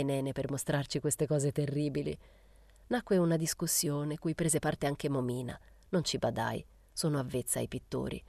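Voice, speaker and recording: A woman reading a literary novel aloud in a measured, even storytelling manner. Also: sits low, no room sound. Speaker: audiobook reader. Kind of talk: literary audiobook narration.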